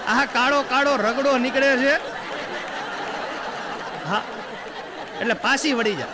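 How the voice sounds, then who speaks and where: A man's voice: extremely high pitch, slow pace, background noise. A male stand-up comedian, telling punchy jokes with rhetorical asides to the crowd. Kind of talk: live stand-up storytelling. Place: live stage show. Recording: echoey hall reverb.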